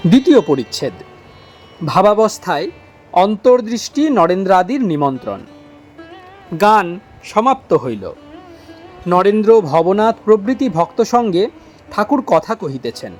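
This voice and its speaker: A man reading a devotional text aloud in a slow, measured recitation. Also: high-pitched, very animated, a little mellow, soft background music. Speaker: reader.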